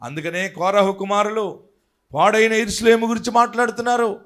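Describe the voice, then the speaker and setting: A man preaching a fervent sermon as a pastor, swinging between loud shouting and soft pleading as he leads the congregation in prayer. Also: high voice, steady tone, brisk. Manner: leads the congregation in prayer, speaking lines for them to repeat.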